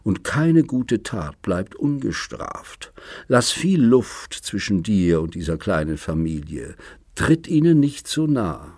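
A man voicing a cynical little devil who whispers warnings in an audiobook, hushed and slow. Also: fairly low pitch, big pitch swings, husky, no echo, studio quality, exaggerated voice. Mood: sly. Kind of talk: audiobook reading.

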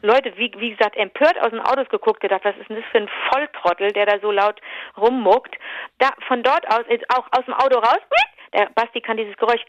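A woman recounts a long story in relaxed conversation, rambling and lively, full of hesitations and restarts. The sound is dry and slightly dull, like a lo-fi recording. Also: on the high side, fairly quick, no room sound. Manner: animated, rambling retelling with many fillers and restarts. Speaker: podcast co-host telling an anecdote. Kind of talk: casual storytelling chat.

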